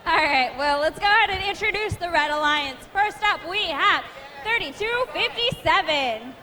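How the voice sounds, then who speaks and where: A woman's voice: very high-pitched, normal speed, sharp tone, soft background music, a faint crowd. A woman emceeing a live competition with hype introductions like a fighting game announcer, over light event noise.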